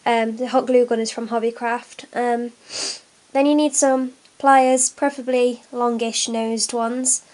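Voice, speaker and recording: A young woman congested from a cold talks through a hands-on craft tutorial at a table indoors, her hands on camera. Her voice is fairly high with a steady, somewhat dark tone and a slightly slow pace, and she's chatty, saying lots of ums as she works.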